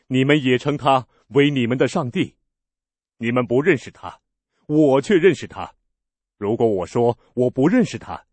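Earnest, firm male teacher, read by a man with lively, solemn delivery. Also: medium pitch, dry recording. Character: calm, authoritative male teacher.

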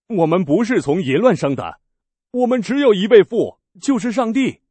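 A man voicing an indignant crowd of accusing men, with scornful, shrill outbursts. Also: animated, moderate pace, mellow, husky, no echo.

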